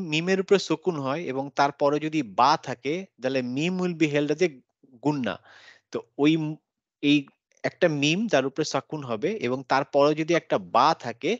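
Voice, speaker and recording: A man teaching a live online class on Quran recitation. He explains each rule patiently, step by step, and chants the examples slowly with a nasal hum. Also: on the high side, no echo. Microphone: video call. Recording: dull lo-fi video call audio.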